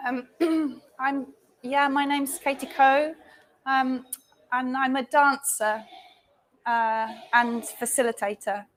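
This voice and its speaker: A woman, a dancer and facilitator, introducing herself at a live panel talk in a slow, deliberate and hesitant way. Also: high-pitched, steady tone, fairly bright tone. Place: live talk event before an audience.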